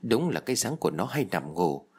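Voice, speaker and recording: A man voicing a fretful middle-aged mother in an audio storybook, talking in a rushed way. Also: low-pitched, big pitch swings, a little mellow, breathy edge, exaggerated voice. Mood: relieved. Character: relieved tearful mother, middle-aged woman.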